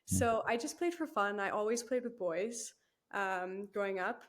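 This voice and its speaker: A young Canadian woman, a new team member, chats as a guest in a casual interview, laughing easily and using lots of fillers. Her voice is mid-range and unhurried.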